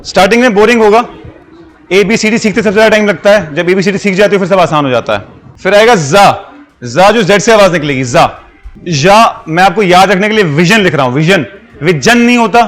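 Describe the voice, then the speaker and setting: High-voiced teacher explaining letter sounds. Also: male voice, expressive, brisk, a bit bright, faint music behind. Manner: explanatory, mixes English into Hindi. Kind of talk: classroom lesson.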